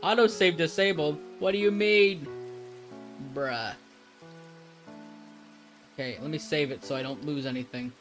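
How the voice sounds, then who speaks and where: A man's voice: on the high side, measured pace, long pauses, over music. A man in his thirties chatting casually on a live stream, rambling and laid-back with lots of fillers.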